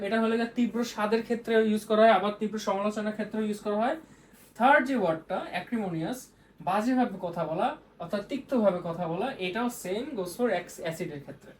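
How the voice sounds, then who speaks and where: A young woman tutors vocabulary at a brisk clip, chatty and prone to repeating each word as she explains. Her pitch sits in an ordinary middle range. Faint background noise runs under the recording. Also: darkish tone. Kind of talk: casual explanatory lesson.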